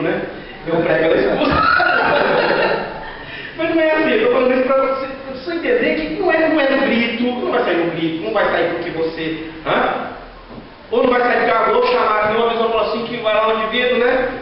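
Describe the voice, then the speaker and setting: A man's voice: very high-pitched, slight background noise. A man preaching a sermon as pastor, with a Brazilian Portuguese accent, telling stories and acting out the voices of the people in them. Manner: storytelling, acting out quoted voices, rhetorical questions. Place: large echoey church hall. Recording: echoey hall from far off, dull sound.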